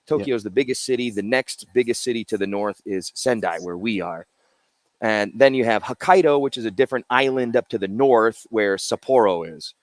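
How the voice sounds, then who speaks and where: A brewery co-founder in a Japanese spa town chats casually as an interview guest, explaining his beers while showing off the cans in a loose, talkative way. His voice is fairly low, his pace fairly quick, and the recording is dry.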